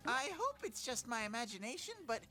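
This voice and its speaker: A streamer voicing a silly, excitable bear mascot boy while reading game dialogue aloud, with a hammy line reading. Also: mid-range voice, fairly quick, soft background music, pitched above the performer's own voice. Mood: worried.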